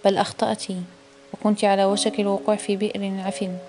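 A woman voicing a calm, wise older mother-in-law who gives measured advice in a read-aloud story. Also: medium pitch, faint music behind, lightly acted. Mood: firm.

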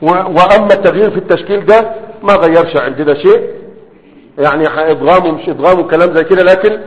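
A man with an Egyptian Arabic accent explains grammar to a class in a slightly raised voice, pausing on long fillers and repeatedly asking "right?" to check in. His voice rings with a long reverb, and the recording sounds muffled and lo-fi. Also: fairly high pitch. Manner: keeps checking in with rhetorical questions to the class; pauses often with drawn-out fillers while writing.

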